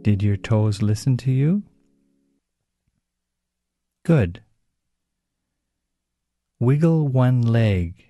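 A man gently leading children through a slow, soothing guided relaxation exercise. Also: mid-range voice, lively intonation, dry recording, faint music behind.

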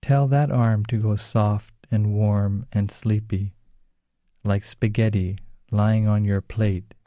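Guy talking kids through relaxation, real slow and calm, very dark mellow voice. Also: on the low side. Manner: slow, soothing, gentle instructions. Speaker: relaxation guide for children. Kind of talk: guided relaxation script.

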